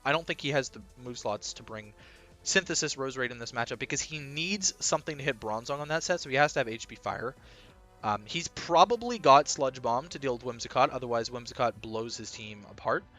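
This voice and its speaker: Guy rambling thru his team strategy, bouncy bright voice, faint music under it. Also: medium pitch. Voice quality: lively, rambling, with many ums and uhs. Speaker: team coach. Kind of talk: casual strategy talk.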